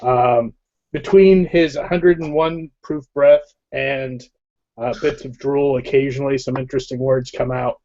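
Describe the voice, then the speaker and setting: A man playing in a tabletop game, laying out a character background in a measured way with many ums. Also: medium pitch, steady tone, mellow, lo-fi sound, slight background noise. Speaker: player.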